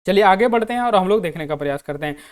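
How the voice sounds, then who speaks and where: A man's voice: high voice, animated. Indian man teaching, asks and answers himself. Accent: Hindi. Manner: repeats questions to students and answers them himself; reads English sentences out slowly. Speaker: English teacher. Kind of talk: exam-prep lesson.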